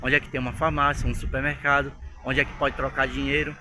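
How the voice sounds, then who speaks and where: A Brazilian man with a Brazilian Portuguese accent, telling a story as an English teacher in a chatty, animated way. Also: mid-range voice, fast, background noise. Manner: chatty, animated, keeps asking "né?". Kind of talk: storytelling lesson to camera.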